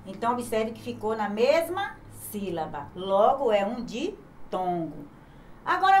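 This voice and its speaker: A Brazilian-accented woman teaches children grammar in a slightly raised voice, unhurried and careful. She spells words out syllable by syllable and poses questions to her young class before answering them herself. A faint hiss of background noise sits under the recording. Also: fairly high pitch, a bit bright. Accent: Brazilian Portuguese. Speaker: primary school teacher. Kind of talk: online grammar lesson for children.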